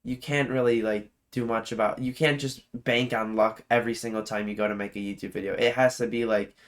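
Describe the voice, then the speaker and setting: A man's voice: lowish voice, fairly even intonation, brisk. Rambling man reacting to a video. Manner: rambling, many filler "like"s, easily impressed. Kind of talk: casual reaction commentary.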